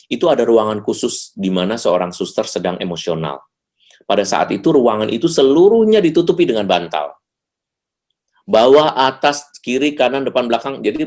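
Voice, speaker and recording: A man giving a lively seminar talk over a video call, acting out little dialogues with sudden jumps in pitch. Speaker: seminar speaker.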